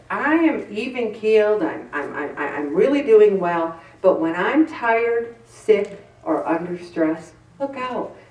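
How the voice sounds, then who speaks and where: Speaking to a group, a middle-aged woman gives a frank, self-deprecating faith-based talk, acting out her own inner voices. Her voice is mid-range with a darkish tone, captured from some distance with a roomy echo.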